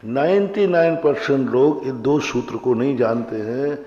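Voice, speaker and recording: A man's voice: mid-range voice, unhurried, dark tone. A man teaching a grammar class, quizzing his students and drilling them on pronunciation. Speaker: religious teacher. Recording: roomy hall, dull lo-fi sound.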